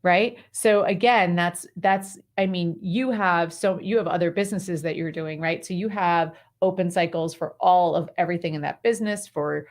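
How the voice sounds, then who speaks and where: Woman, guest coach, interview conversation, slightly low voice, animated, breezy, casual fillers. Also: moderate pace, few pauses. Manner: animated, breezy storyteller using many fillers like "like" and "right". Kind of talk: interview conversation, giving advice.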